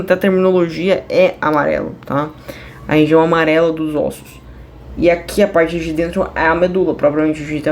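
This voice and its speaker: A woman's voice: lowish voice, darkish tone. Woman, teacher, casual digressive lesson, filler-heavy, faint background hiss. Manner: chatty, digressive, many fillers and self-corrections. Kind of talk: casual online class explanation.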